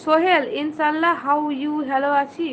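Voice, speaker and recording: Live-stream host, woman, bright and forceful tone, reads comments aloud and scolds viewers firmly. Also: sits high, little pitch movement, measured pace, a little hiss or hum, poor audio. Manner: pleads for subscribers and likes. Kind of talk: casual live-stream chat.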